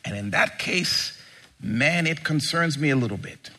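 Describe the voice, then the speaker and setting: A man's voice: a little high, lively intonation, measured pace, pushed and bright. A man preaching an impassioned sermon in the style of a rally speech, with emphatic rhetorical questions and dramatic swings between restraint and full force.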